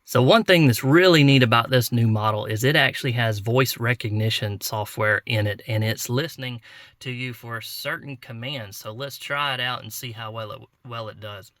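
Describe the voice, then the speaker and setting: Male product reviewer, mid-pitch, folksy and easygoing, dry close sound. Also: normal speed, fairly bright tone, dry recording. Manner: folksy, conversational, walks through steps. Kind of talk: casual product review demo.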